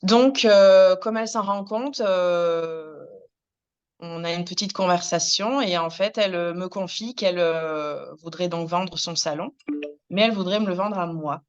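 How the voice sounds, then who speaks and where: Low, smooth-voiced woman telling her story. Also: unhurried, muffled recording. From France. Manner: many fillers and restarts, soft laughs. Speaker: hairdresser and business founder, interviewee. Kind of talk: hesitant personal storytelling.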